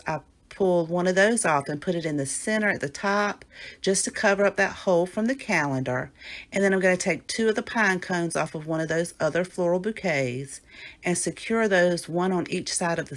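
A woman narrating a home decor craft tutorial step by step, sounding stuffy from a cold, with friendly asides to her viewers. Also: fairly low pitch. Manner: gentle step-by-step explaining, chatty asides to viewers. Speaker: DIY home decor creator.

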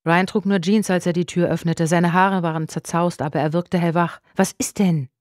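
A woman reading a thriller audiobook aloud in the first person, with hushed, tense, measured storytelling. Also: fairly low pitch, fairly even intonation, no room sound, studio quality. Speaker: audiobook narrator. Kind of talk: scripted thriller audiobook narration.

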